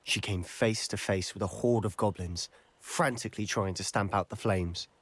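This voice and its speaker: A man's voice: fairly low pitch, breathy edge, no room sound. An actor playing an earnest young male wizard student, in video game dialogue. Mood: somber. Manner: earnest, measured storytelling.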